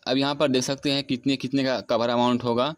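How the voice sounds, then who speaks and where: Speaking a little fast in a flat, mid-range voice, a roughly twenty-year-old tutorial host walks through a phone app step by step without a script, with repetitive narration over a screen recording. The recording is dry.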